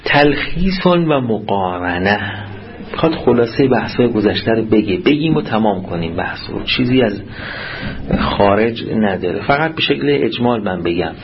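A man's voice: fairly low pitch, expressive, dull audio, slight background noise. A man teaching a seminary class, reading passages aloud and explaining them, often quizzing his students. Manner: reads Arabic text then explains it in Persian, quizzing students. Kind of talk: classroom lecture on jurisprudence.

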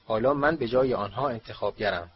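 A man with a medium-pitched, husky voice plays an old magical talking hat reciting its song in a storybook reading. The delivery is a proud recital, captured on a dull lo-fi recording.

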